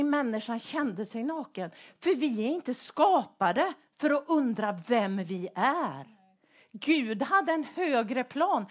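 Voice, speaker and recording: A woman preaching a sermon in a conversational way, asking the same questions again and again. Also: high-pitched. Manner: rhetorical, repeats questions; conversational with fillers.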